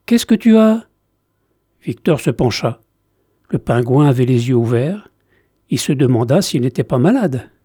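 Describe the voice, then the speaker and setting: A man reading a novel excerpt aloud in a measured, deliberate scripted narration. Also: mid-range voice, dark tone, slightly rough, no echo, studio quality. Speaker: reader of book excerpts.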